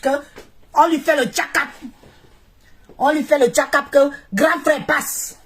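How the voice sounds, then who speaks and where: A woman's voice: sits high, steady tone, measured pace. A woman from Cameroon hosting a live stream, chanting praise in repetitive, exclamatory bursts. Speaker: social media live streamer. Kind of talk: live stream hype and commentary.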